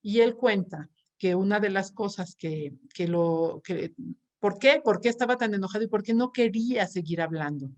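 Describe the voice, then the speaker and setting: A woman with a Mexican accent addresses a conference audience as a therapist, telling stories from her practice. She talks in a middle pitch, often restarts her phrases and checks in with little tag questions. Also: moderate pace. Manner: warm storytelling with frequent restarts and tag questions. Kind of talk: conference talk with anecdotes.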